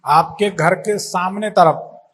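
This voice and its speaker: High-voiced male astrologer, assertive. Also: slow pace, fairly bright tone. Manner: assertive, leading questions, talks over the caller. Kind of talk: live call-in astrology consultation.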